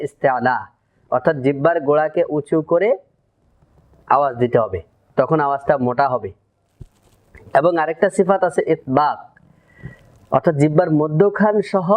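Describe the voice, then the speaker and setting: A man leads a Quran pronunciation lesson, breaking down each sound and repeating the syllables in slow drills. His voice sits a little high. The recording is dull and lo-fi. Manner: explains step by step, drills letter sounds slowly. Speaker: Quran recitation teacher.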